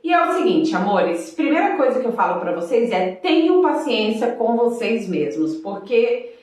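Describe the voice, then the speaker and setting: A Brazilian woman from Espírito Santo with a Capixaba accent, teaching an online Spanish pronunciation lesson and slowing down to model each word. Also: a little high, very echoey, distant mic. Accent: Capixaba Brazilian Portuguese. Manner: lively, addresses students directly, slows down to model words.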